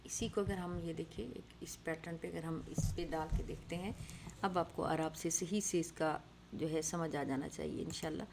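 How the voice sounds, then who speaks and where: A woman with a somewhat low voice teaches grammar, explaining step by step and often checking in with her listeners. She mixes English words into her talk. A steady hiss sits clearly behind her voice. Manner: explains patiently, mixing English words, asks "right?" often. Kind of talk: online grammar lesson.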